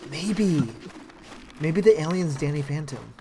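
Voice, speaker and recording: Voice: mid-range voice, a little slow, mellow, a little hiss or hum. A streamer chatting casually while playing a game, joking along with dry humour. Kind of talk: casual gameplay chat.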